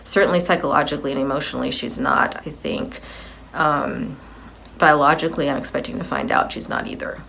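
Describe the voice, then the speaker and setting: A woman's voice: low-pitched, big pitch swings, brisk, gravelly, a bit bright, a little hiss or hum. A woman in her fifties giving a personal video update, rambling as she repeats and corrects herself. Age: 50s.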